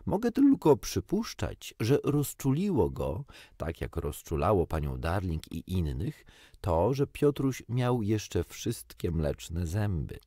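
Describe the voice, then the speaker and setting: Man, storybook narration, wry and expressive, low voice, dry close-mic sound. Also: slow, slightly rough, dry recording. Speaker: audiobook reader.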